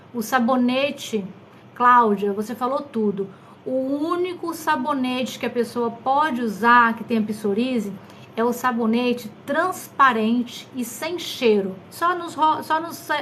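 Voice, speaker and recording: A woman's voice: fairly high pitch, a bit bright, a little hiss or hum. A woman in her fifties, a doctor answering questions on a live stream, affectionate and often checking in with her listeners.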